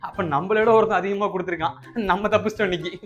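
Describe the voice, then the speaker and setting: A man's voice: high-pitched, steady tone, racing, highs cut off, over loud music. A man voicing a comic cricket troll skit in a whiny, mock-dramatic way. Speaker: troll video voice-over artist.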